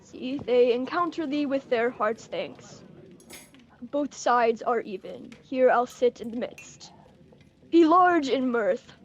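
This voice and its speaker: A young woman plays a brooding, tormented king plotting murder in Shakespearean verse, shifting between hushed and declamatory lines. Her fairly high, expressive voice moves slowly, with a hearty, regal mood, and the recording sounds muffled.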